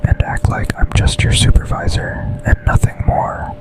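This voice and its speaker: Whispering in an intimate ASMR boyfriend roleplay, a man plays an office boss who is intense and possessive yet tender. He speaks breathily in short, deliberate phrases, lightly acted, with a tender, confessional mood.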